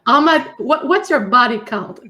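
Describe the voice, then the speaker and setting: Slow-talking woman. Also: a little high, expressive, crowd noise. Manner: slow, halting, frequent uh and self-corrections. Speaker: player. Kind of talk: casual live-stream chat.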